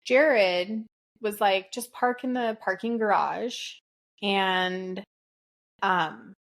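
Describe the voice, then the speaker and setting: A woman's voice: mid-range voice, drawn-out words. Podcast co-host, middle-aged woman, casual storyteller who curses and acts out quotes. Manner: animated, swears freely, acts out quotes.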